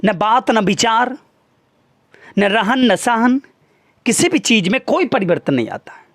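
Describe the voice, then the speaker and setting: Slow, lively teacher lecturing students. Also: male voice, sits high. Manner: earnest, hammering rhetorical questions. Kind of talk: motivational talk to students.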